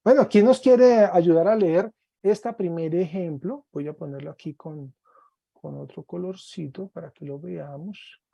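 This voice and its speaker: Slow, mellow-voiced man teaching an online class. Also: high voice, creaky, slightly rough, no echo, muffled recording. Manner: patient, encouraging, drills word forms slowly. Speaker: Greek teacher.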